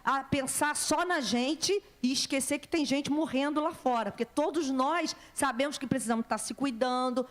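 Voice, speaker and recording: A woman pastor preaches a sermon in a high voice. She tells her story with feeling and acts out the voices of the people she quotes. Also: moderate pace, few pauses. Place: church hall.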